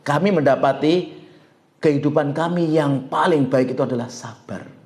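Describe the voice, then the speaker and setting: A man preaching an informal sermon as an ustadz, lively and joking with his listeners and reciting Arabic slowly. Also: on the high side. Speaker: ustadz giving a religious study talk. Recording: echoey room.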